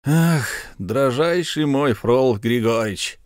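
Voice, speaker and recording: A man's voice: medium pitch, expressive, slow, a little mellow, no room sound, studio quality, voice pushed up. A man voicing a blustering, hot-tempered, slightly drunk count who hosts a ball, speaking in effusive, theatrical exclamations. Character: blustering tipsy middle-aged count, host of a ball.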